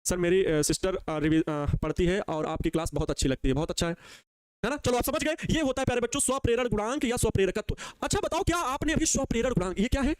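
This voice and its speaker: Fast, high-voiced Hindi physics teacher. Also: male voice, clean tone, dry recording, studio quality. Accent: Bihari Hindi. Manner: lively, voices student questions himself, coaxing. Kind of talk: live online class lecture.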